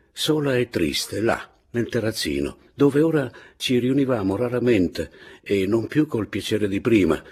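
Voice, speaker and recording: A man reading a classic novel aloud in a measured, expressive narrating voice. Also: low-pitched, husky. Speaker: audiobook narrator. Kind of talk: literary audiobook narration.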